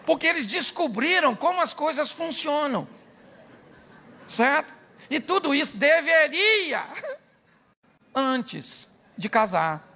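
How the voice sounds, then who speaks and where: A middle-aged Brazilian pastor with a high, gravelly voice preaches in a bright, sharp tone. He delivers a humorous sermon, tells stories and acts out every voice in them. He keeps checking in with his listeners, asking them yes-or-no questions. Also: sing-song, slow, pauses often, slight background noise. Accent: Brazilian Portuguese. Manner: jokey, acts out dialogue, asks the crowd "sim ou não?".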